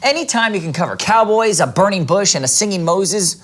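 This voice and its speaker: Man, kids' show co-host, warm reassurance, animated pitch. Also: fairly quick. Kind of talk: scripted children's show banter.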